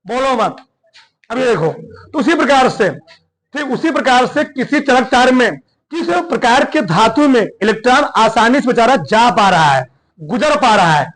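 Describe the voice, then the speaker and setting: A male chemistry teacher with a strikingly high voice lectures a classroom, his carrying a tinge. He constantly fires rhetorical questions at the students and repeats each key term back to them. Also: lively intonation, unhurried, a bit bright, rough recording.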